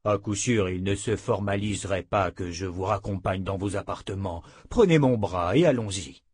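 A man's voice: low voice, moderate pace, a little mellow, slightly rough, no room sound. A man voicing a powerful, pious official who speaks with unctuous, solemn courtesy.

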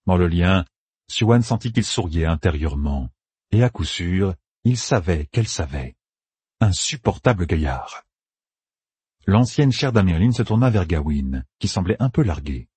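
Male audiobook narrator, deep voice, very husky, dry close sound. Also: lively intonation, unhurried, darkish tone, no echo. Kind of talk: scripted fantasy narration.

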